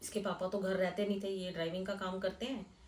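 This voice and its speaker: A middle-aged woman from Delhi recounts a frightening experience from her own life. She speaks in a hushed, earnest way at a medium pitch. The room rings around her, and she sits a little back from the microphone. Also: little pitch movement, quick pace, recorded from a distance. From Delhi, India. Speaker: storyteller. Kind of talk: first-person recounting of a real incident. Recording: echoey room, voice a bit off-mic.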